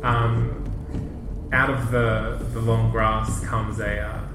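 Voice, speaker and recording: Slow, halting male game master. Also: fairly low pitch, little pitch movement. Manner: halting, searching descriptions. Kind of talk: improvised tabletop game narration. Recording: echoey room, music over the voice.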